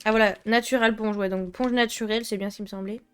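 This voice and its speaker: A woman's voice: medium pitch, fairly even intonation, fast talker, smooth, soft background music. A French-speaking woman chatting casually through an art-supply unboxing, hesitant with many fillers and frequent giggles. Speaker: art vlogger.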